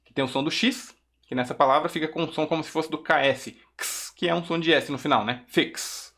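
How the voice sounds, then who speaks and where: A Brazilian man teaching English pronunciation, drilling single words slowly with exaggerated sounds between explanations in Portuguese. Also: fairly high pitch, steady tone, pushed and bright. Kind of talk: pronunciation lesson.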